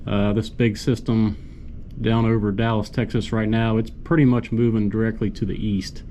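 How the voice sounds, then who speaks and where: A man's voice: lowish voice, little pitch movement, normal speed, warm tone. A man giving a casual flight briefing as a pilot vlogger. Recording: faint vehicle background noise.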